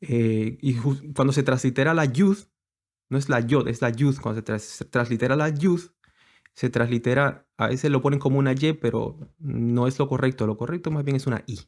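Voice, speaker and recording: A man delivers a teaching sermon at an ordinary middle pitch. He explains patiently and halts often, restarting his phrases as he works through his slides. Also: moderate pace. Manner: hesitant, many fillers and restarts, explanatory. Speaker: congregation teacher.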